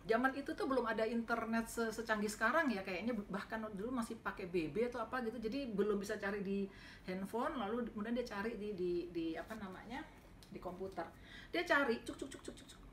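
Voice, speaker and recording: A middle-aged woman lecturer, telling a story to her students in a casual, animated way and acting out the dialogue with sudden pitch jumps. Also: quick pace, slight background noise. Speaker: university lecturer.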